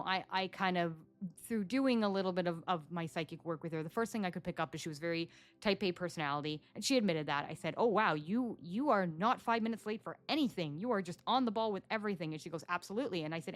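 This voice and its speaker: A woman in her forties hosting a casual solo podcast, chatty and animated, telling stories and acting out what her clients say. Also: lowish voice. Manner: chatty, animated storytelling, acts out quoted clients. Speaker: psychic podcast host. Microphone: studio microphone.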